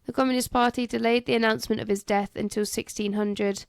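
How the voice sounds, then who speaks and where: A woman's voice: a little high, fairly even intonation, fast, no echo. A woman co-hosting a casual history podcast, reading from notes and joking and swearing between facts. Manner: jokey, giggly, swears. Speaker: podcast co-host.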